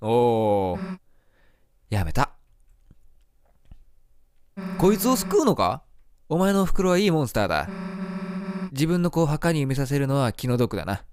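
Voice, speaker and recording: A man voicing a tough, rude monster schoolgirl who talks in a gruff, threatening way while reading game dialogue. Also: medium pitch, sing-song, a little slow, long pauses, darkish tone, pitched below the performer's own voice. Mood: menacing. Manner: gruff, threatening, coarse speech. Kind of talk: voicing game dialogue during a let's play.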